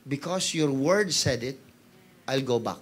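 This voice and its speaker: A man voicing a humble, tired fisherman who speaks low and respectfully to his master. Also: animated, slow pace, slightly rough. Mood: humble, weary.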